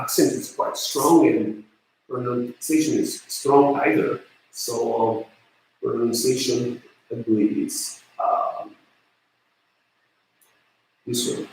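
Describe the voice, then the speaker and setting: A man with a Japanese accent lectures slowly to his students, pausing often and restarting his sentences. His voice sits at a middle pitch, and it rings in a noticeably echoey room. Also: a little mellow, slight background noise. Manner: hesitant, many fillers and restarts. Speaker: university lecturer. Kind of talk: online lecture.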